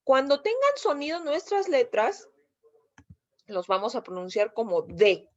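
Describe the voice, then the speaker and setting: A Mexican woman teaches in a slightly raised voice, laying out each rule step by step. She keeps pausing to check that her listeners follow. The audio is a bit dull and lo-fi. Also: high voice, lively intonation, darkish tone. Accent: Mexican Spanish. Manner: patient step-by-step explaining, checks understanding with frequent "¿sí?". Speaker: English teacher. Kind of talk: video lesson explaining grammar.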